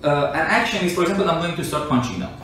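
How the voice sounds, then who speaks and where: Rapid-fire and animated, this man speaks at a fairly high pitch with a slightly bright tone. He calls himself an engineer and scientist and argues his points informally to a listener through everyday examples, recorded on a distant mic in an echoey room with faint noise.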